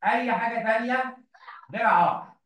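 A man's voice: extremely high pitch, fairly quick, a bit bright. A man with an Egyptian Arabic accent teaching an English revision lesson to a class, patiently coaxing students and repeating key points. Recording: echoey room, mic at a distance.

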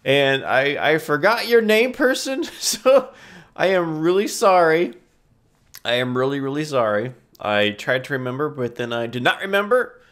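The young YouTuber's voice is on the high side, sing-song and smooth, with a fairly bright tone and normal speed. Nasal and congested from a stuffy nose, he casually talks over his game, rambling and self-correcting between small giggles.

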